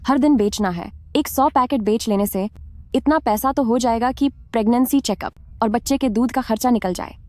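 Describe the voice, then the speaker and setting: An actress dubbing a young pregnant street vendor who stammers when upset. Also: female voice, a little high, normal speed, a little mellow, lightly acted. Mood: determined. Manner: flustered, stammering. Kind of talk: dubbed drama acting.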